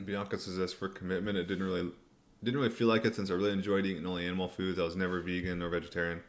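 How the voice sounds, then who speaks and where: A man's voice: sits low, flat delivery, rapid-fire, a little hiss or hum. A man hosting a casual livestream Q&A, talking in a laid-back, colloquial way as he reads and answers viewer comments. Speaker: livestream host.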